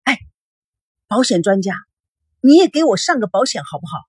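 女声演的心事重重的年轻男人. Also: female voice, mid-range voice, very animated, normal speed, a little mellow, slightly rough, no room sound, studio quality. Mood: flustered. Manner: flustered, hesitant. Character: flustered young man worried about marriage.

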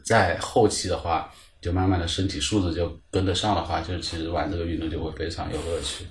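A man in his thirties, a podcast guest, explaining things at length in a relaxed way with lots of fillers. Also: sits low, fairly quick. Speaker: guest, club founder. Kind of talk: casual chat. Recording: roomy echo.

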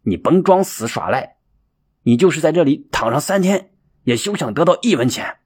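A man's voice: fairly high pitch, animated, normal speed, a little mellow, breathy edge. A male storyteller voicing a rich, stingy older man who speaks harshly and scornfully.

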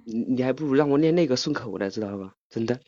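A woman's voice: rumbling low, expressive, fast, dark tone, highs cut off. A woman co-streamer chatting casually on a livestream, talking in a hesitant, playful way.

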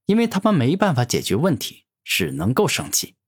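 A man voicing a cocky young male martial hero who taunts his enemy with self-assured calm in a fantasy audio story. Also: mid-range voice, brisk. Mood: mocking.

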